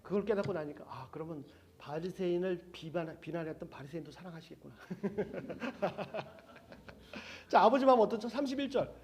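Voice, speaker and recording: A man with a high-pitched voice preaches as a Bible teacher. He is lively and often chuckles, and he slips into the voices of the people in the passage he is explaining. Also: normal speed. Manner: animated, acts out quoted voices, chuckles often. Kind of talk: sermon.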